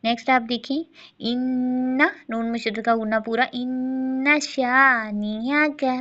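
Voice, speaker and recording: Soft-spoken woman teaching recitation. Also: a little high, little pitch movement, muffled recording. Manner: explains quickly, then recites slowly in a chanting voice. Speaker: Quran tajweed teacher. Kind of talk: recitation lesson.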